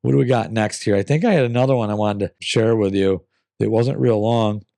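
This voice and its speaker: A man with a mellow, raspy voice reads listener stories in a casual, earnest way. He sounds like he is getting over an illness, with a gravelly creak to his words. The sound is dry, with very little room around it. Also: on the low side, brisk, dry recording. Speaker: host reading listener-submitted stories. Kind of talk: casual storytelling, reading letters aloud.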